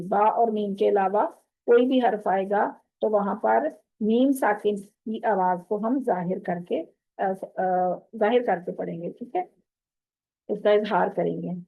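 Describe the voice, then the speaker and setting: A woman's voice: medium pitch, vocal fry, phone-quality sound. A woman with a Pakistani Urdu accent teaching Quran recitation rules online, explaining patiently and quizzing her students. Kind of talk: online tajweed lesson to women students.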